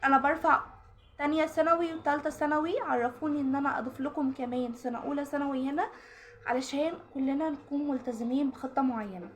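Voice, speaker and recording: An Egyptian woman coaches students in a casual vlog, speaking quickly and directly to the camera. Her voice sits high and light. A faint hum of room noise sits behind her. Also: fairly even intonation. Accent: Egyptian Arabic. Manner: direct, coaching, talks straight to the viewer. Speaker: study-tips vlogger. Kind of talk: casual advice talk to the camera.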